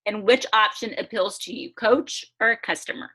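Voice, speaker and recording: A woman's voice: medium pitch, moderate pace, fairly bright tone. Upbeat woman hosting a video webinar. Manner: upbeat, chatty, breaks into laughs. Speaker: host. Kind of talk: casual webinar presentation. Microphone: video call.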